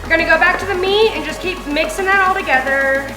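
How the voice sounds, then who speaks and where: A woman's voice: extremely high pitch, quick pace. A woman hosting a home cooking video in a casual, chatty way, informal and rambling, recorded indoors in a kitchen. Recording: echoey room with background music.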